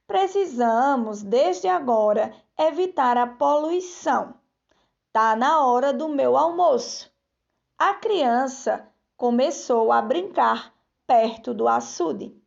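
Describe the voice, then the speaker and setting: Woman teacher for kids' lesson, slow and patient, gravelly higher voice, dull lo-fi sound. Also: lively intonation, a little mellow. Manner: slow, patient, drawn-out word reading. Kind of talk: recorded lesson for children. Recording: dull lo-fi recording.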